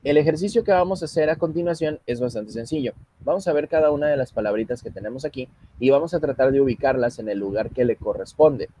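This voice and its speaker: A man's voice: medium pitch, quick pace, few pauses, mellow. Patient man teaching English. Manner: explains patiently, switches between Spanish and English. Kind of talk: online class instruction.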